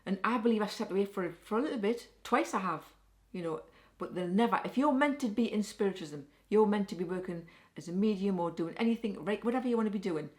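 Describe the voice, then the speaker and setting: A woman's voice: medium pitch, fast talker, hardly any pauses, a little mellow. Earnest woman medium talking emphatically. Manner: earnest, emphatic, repeats key words. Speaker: medium, guest. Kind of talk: casual conversation.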